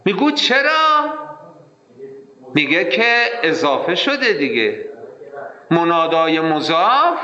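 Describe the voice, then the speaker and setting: A man teaching Arabic grammar in an animated, emphatic way, mimicking his students' mistaken readings. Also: a little high. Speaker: seminary teacher. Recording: echoey hall, slightly dull sound.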